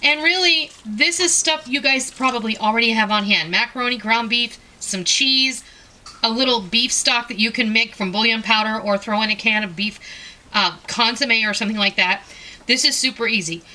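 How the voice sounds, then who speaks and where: A woman's voice: on the high side, normal speed, bright, forceful tone. A middle-aged woman hosting a home cooking tutorial, chatting casually and folksily straight to her viewers from her kitchen. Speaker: cooking channel host.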